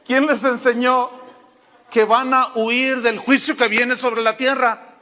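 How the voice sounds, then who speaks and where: A preacher playing a fiery male desert prophet who rebukes the crowd in a loud, drawn-out voice. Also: extremely high pitch, big-room sound, full character voice.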